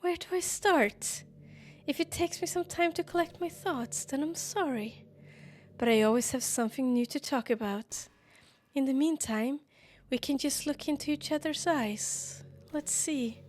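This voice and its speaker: Lovestruck self-aware game girl, soft and earnest, slightly high voice, read aloud by a woman. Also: measured pace, a little hiss or hum. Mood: affectionate. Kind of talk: reading game dialogue aloud.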